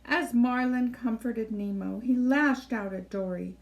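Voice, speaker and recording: A woman reads a children's storybook aloud in a fairly high voice, as if at a library read-aloud. Her delivery is expressive, with carefully shaped phrasing.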